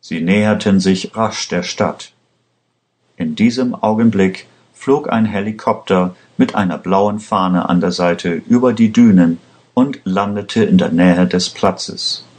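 A man narrating a story in a slow, measured reading for learners. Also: low voice. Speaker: audiobook narrator. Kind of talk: scripted narration.

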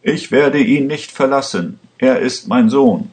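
A man's voice: medium pitch, unhurried, a little mellow, pitched above the performer's own voice, close to an everyday voice. A man doing a despairing old father.

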